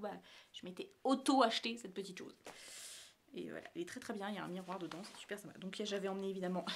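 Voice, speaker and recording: Over some background noise, a mid-range female beauty vlogger chats casually about what's in her travel makeup bag. She rambles, filling her talk with fillers and self-corrections, and frequently sinks to almost a whisper.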